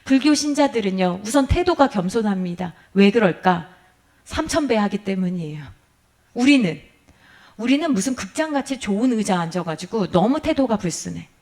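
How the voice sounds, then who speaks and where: A woman's voice: mid-range voice, animated, moderate pace, a little mellow. A middle-aged woman pastor giving a sermon lecture, asking the congregation questions and acting out quoted complaints.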